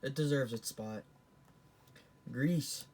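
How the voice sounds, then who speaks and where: A man's voice: medium pitch, slow, darkish tone. A teenage boy giving casual, rambling commentary as he ranks things on a tier list, often restarting and correcting himself. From Canada. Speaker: vlogger.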